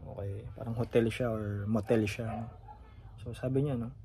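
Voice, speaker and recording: A man's voice: mid-range voice, fairly even intonation, moderate pace, mellow. A man talking casually to his viewers as he reacts to a song, often asking them questions and swearing in surprise.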